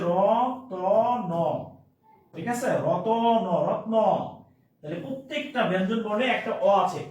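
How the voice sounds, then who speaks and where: A man's voice: high voice, very echoey, recorded from a distance, poor audio. A man teaching a grammar lesson, repeating key words and checking often whether his listeners follow.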